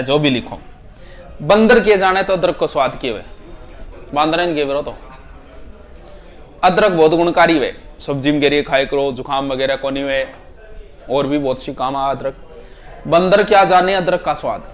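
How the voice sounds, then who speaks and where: Teaching proverbs to students, this Rajasthani-accented man speaks on the high side. Each saying gets repeated, then unpacked in a chatty way full of local dialect and humor.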